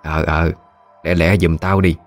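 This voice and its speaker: Bossy gossipy old delta village woman over sixty, read by a man, low-voiced, over faint music. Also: flat delivery, a little slow. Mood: brisk. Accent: Mekong Delta Vietnamese. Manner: blunt, familiar, talks down fondly.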